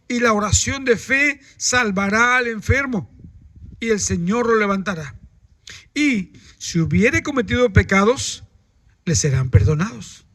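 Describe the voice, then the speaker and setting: A man's voice: high-pitched, fairly bright tone, no room sound. A man, a pastor preaching a sermon and putting rhetorical questions to the congregation.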